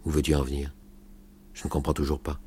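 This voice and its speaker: A man reading aloud and voicing an idle, ironic man who loves his kite and his life, speaking in a quiet, wry way. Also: very deep voice, completely flat delivery, fast talker, a little hiss or hum. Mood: wary.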